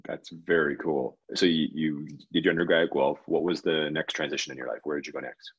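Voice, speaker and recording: A man's voice: extremely low pitch, fairly even intonation, brisk, a bit bright, husky, lo-fi sound. A man hosting a podcast, asking questions in a friendly, upbeat way. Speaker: podcast host. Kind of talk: interview hosting.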